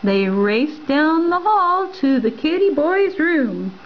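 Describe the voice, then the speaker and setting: Woman reading a storybook aloud, playful and expressive, unhurried, slightly dull recording with faint hiss. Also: high voice. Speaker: reader.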